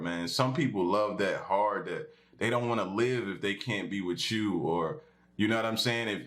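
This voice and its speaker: Reaction YouTuber, male, lowish and bright tone, reflective and sincere to camera. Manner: earnest, reflective, talks straight to viewers. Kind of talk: casual reaction commentary to camera.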